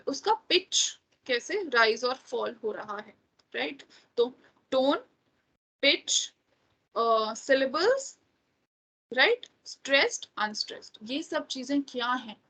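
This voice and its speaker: Husky high-voiced woman teaching. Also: fairly bright tone, low-quality recording. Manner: explains slowly, checks with "right?". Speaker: English teacher. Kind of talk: exam-prep lecture in Hindi and English.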